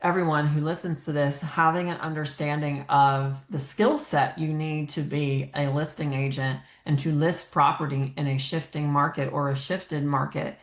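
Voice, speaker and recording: A podcast host with a low-pitched, steady voice interviews a guest conversationally, thinking aloud with fillers. She talks at normal speed with hardly any pauses, in an echoey room.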